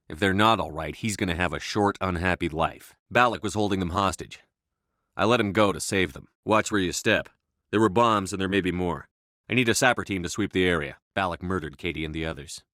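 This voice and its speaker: A man playing a resolute human military commander in a space opera video game, speaking in a measured, authoritative, matter-of-fact way. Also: low voice, a bit bright, no room sound, studio quality. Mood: firm, matter-of-fact, then somber.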